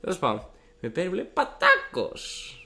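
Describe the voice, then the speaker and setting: A young man with a hoarse, gravelly voice, co-hosting a podcast and telling a rambling story with lots of restarts. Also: mid-range voice. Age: young adult. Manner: animated, rambling, frequent restarts and acted-out quotes. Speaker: podcast co-host. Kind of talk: casual storytelling chat.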